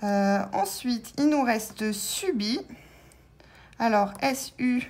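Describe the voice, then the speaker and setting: A woman's voice: fairly high pitch, animated, takes it slowly, darkish tone. A woman vlogger commenting casually and hesitantly as she scratches lottery tickets, spelling out letters with many fillers.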